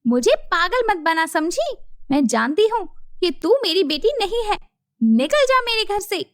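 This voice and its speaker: A woman voicing a sharp-tongued middle-aged mother who scolds a stranger in a cartoon story. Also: extremely high pitch, big pitch swings, a little slow, dry recording, clean studio sound, heavily acted. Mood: scolding. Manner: scolding, brusque.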